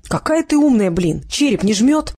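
A frightened man, bruised and jumpy, spilling words nonstop in an audiobook, as a woman reader puts him on. The voice stays mellow and a little husky, and the lines push higher and slower as his nerves fray. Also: animated, no room sound, clean studio sound. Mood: mocking. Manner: rattled, nonstop nervous talk. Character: frightened beaten-up man, nervous and talkative.

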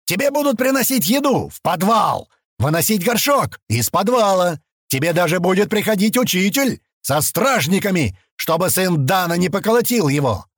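A man's voice: fairly high pitch, big pitch swings, normal speed, a little mellow, no room sound, clean studio sound, voice pushed up. A man voicing a fat, drunk male governor who bellows and spits out threats, in an audiobook. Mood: threatening. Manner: bellowing, slurring, spitting threats.

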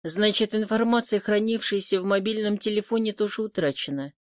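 A woman reading an audiobook voices a patient, weary male investigator asking quiet, persistent questions. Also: mid-range voice, a little fast, no echo, studio quality, lightly acted. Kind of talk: audiobook character voice.

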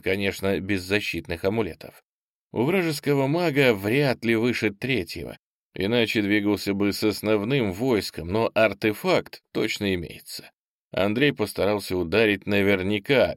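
Low-voiced male audiobook narrator. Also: dry recording, studio quality. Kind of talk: scripted narration.

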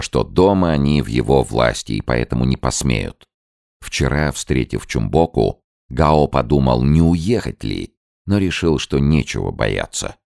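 A man narrating an audiobook in a measured storytelling voice. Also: a bass voice, creaky, darkish tone, no echo, studio quality. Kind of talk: scripted narration.

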